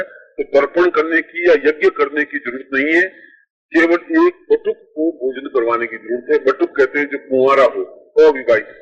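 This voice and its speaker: Man on old worn tape, husky voice. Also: medium pitch. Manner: plain, methodical, repeats points for emphasis. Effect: old worn cassette tape. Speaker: spiritual teacher. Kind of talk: giving step-by-step ritual instructions. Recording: dull lo-fi 1980s tape recording.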